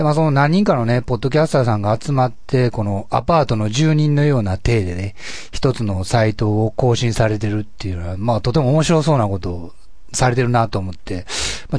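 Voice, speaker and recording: A man with a husky, gravelly voice, chatting casually and politely as a solo podcast host. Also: mid-range voice, darkish tone, dry recording. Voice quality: husky, gravelly voice, often taken for having a cold. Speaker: podcast host and amateur musician.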